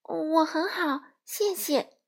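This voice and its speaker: A woman's voice: very high-pitched, takes it slowly, creaky, voice pushed up, exaggerated voice. A woman doing a polite, curious little girl. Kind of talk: children's storybook reading.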